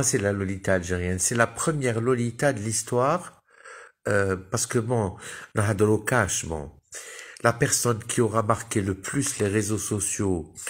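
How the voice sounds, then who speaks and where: A middle-aged man from Algeria talks to his followers in a rambling, theatrical, emotional monologue. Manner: theatrical, emotional, swinging from murmurs to high exclamations. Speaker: social media personality.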